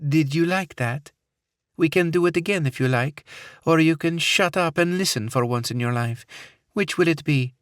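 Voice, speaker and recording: Brief: smooth, menacing female terrorist, played by a man, Middle Eastern accent, pitched well up, taunting. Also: moderate pace, dry recording, studio quality, lightly acted. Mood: coldly menacing. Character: cold vengeful female terrorist.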